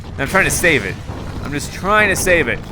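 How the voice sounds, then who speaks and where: A young man talks loosely over his gameplay footage, rambling and laughing at his own mistakes. He sometimes breaks into excited yelps, and a layer of noisy game sound runs under his voice. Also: fairly high pitch, fairly quick. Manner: self-mocking, rambling, bursts of excited yelling. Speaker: gaming commentator. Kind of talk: casual gameplay commentary.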